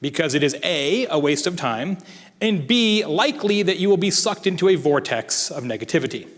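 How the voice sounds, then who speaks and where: A man delivering a conference keynote with animated, emphatic, conversational energy. His voice sits a little high for a man, and it carries through a large hall with a long echo. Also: moderate pace. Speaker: keynote speaker. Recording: echoey hall.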